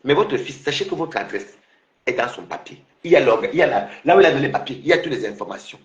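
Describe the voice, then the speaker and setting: A man's voice: medium pitch, expressive, fast talker, reverberant, lo-fi sound. A man taunting a rival on his livestream, repeating himself and laughing mockingly.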